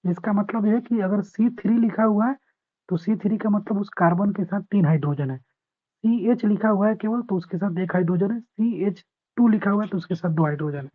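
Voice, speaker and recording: A man teaching a chemistry revision class. He explains patiently, repeats key points, reads English definitions slowly and asks his students whether they understood. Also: sits high. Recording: dull lo-fi recording.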